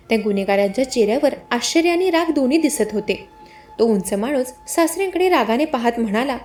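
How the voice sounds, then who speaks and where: A woman narrating a scripted first-person story in a steady, dramatic storytelling manner. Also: fairly high pitch.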